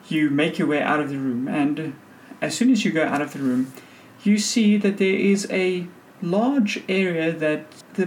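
A game master narrates an improvised tabletop scene in a mid-pitched voice. The delivery is conversational, with faint noise behind it.

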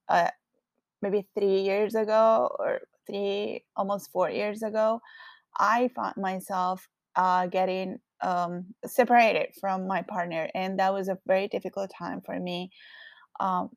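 A woman from Colombia with a strong Colombian Spanish accent hosts a solo podcast, speaking in a creaky, medium-pitched voice with no room sound. She is reflective and candid, using frequent fillers.

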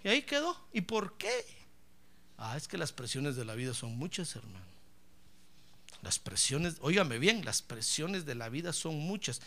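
A man preaching a lively sermon, joking with the congregation and breaking into shouted praise. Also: fairly high pitch, moderate pace. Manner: fervent, joking, bursts into shouted praise, keeps calling the listener brother.

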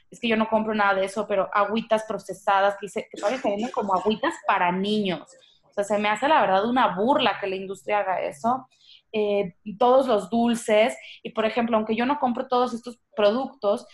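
A woman co-hosting a podcast, talking in an earnest, casual way and warning parents directly. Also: medium pitch. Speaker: podcast co-host.

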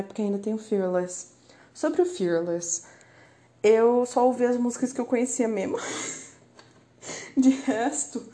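Brazilian girl rambling about albums, kinda high voice, warm and soft. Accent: Brazilian Portuguese. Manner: chatty, excitable, swears and laughs often. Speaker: podcast host. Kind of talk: casual chat about music.

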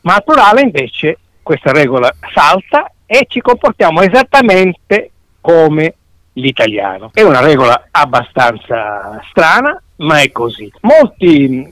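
Man, Sicilian accent, language teacher, lively swooping intonation, slightly high voice, didactic, repeated examples, radio lesson. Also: measured pace, dry recording, rough recording.

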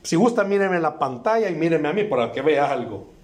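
A man preaching a sermon as a guest preacher at a church service, impassioned and repetitive, rising to shouts. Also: fairly high pitch, sing-song, brisk, echoey room.

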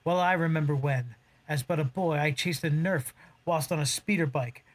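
An actor playing a cocky, roguish young smuggler captain, delivering boastful Shakespearean verse. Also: male voice, a little high, normal speed, natural voice. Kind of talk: audio drama acting in verse.

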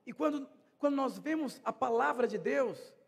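A man's voice: very high voice, lively intonation, normal speed, vocal fry, husky, long reverb tail. A middle-aged man preaching a sermon as a pastor, talking conversationally and repeating his phrases.

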